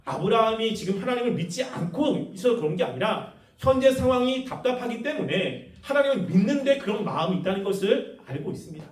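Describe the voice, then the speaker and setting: Korean pastor preaching, lively high voice. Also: male voice, fast, few pauses, recorded from a distance. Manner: asks the congregation questions and acts out quoted prayers. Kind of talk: sermon. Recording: echoey room, voice off the mic.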